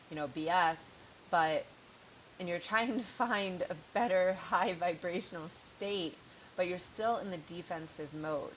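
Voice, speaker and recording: A woman's voice: fairly low pitch, a little hiss or hum, rough recording. A woman reading tarot cards in a casual, frank way, thinking aloud, with a slightly sore throat. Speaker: tarot reader.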